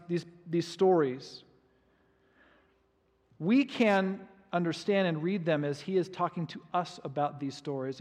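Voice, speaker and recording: High-voiced male pastor, animated storyteller, long hall reverb. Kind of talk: sermon.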